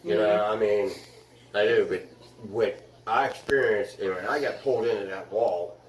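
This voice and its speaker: A man's voice: fairly low pitch, normal speed, roomy sound, distant mic, slight background noise, poor audio. A man rambling through his spooky experiences in a casual interview, swearing freely.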